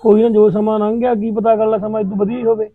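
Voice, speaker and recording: Man as brother figure: kind and consoling, quick, higher than most men, muffled lo-fi audio. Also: level tone, soft background music. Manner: gentle, consoling. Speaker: brother figure in a short drama.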